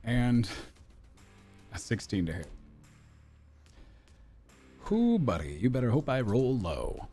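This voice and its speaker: A man's voice: medium pitch, wildly swooping pitch, slow pace, long pauses, mellow, breathy edge, soft background music. A man narrating as game master in a tabletop role-playing game, describing combat in a casual, joking way.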